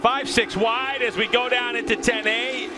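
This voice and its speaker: A man working as a motorsport commentator, calling a race live with animated play-by-play. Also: very high-pitched, unhurried, loud music behind the voice. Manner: animated play-by-play calling, rising to shouts at action.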